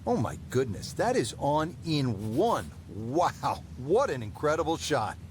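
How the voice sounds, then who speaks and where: A man working as a golf commentator in a video game, calling play in measured, short broadcast phrases. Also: a little high, sing-song, a little hiss or hum. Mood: measured, engaged. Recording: music behind the voice. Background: music.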